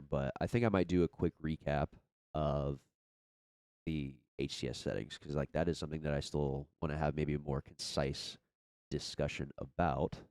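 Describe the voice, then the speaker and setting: In a clean studio recording with no echo, a young man with a stuffy, cold-congested voice rambles about his gaming channel in an unedited podcast-style chat. His voice rumbles low and is a little mellow, and he keeps using fillers and restarting sentences.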